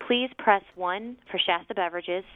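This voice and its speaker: A woman's recorded phone message on a customer helpline, read in a polite, even and carefully enunciated way. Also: medium pitch, normal speed, no room sound. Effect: recorded phone message heard over a phone line. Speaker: automated helpline greeting. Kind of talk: scripted phone menu prompt. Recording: tinny phone line.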